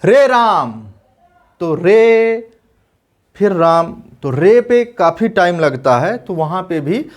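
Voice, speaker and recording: Slow, patient Hindi grammar teacher, a man. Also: a little high, animated. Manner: explains patiently, repeats definitions slowly for dictation. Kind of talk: exam-prep lesson.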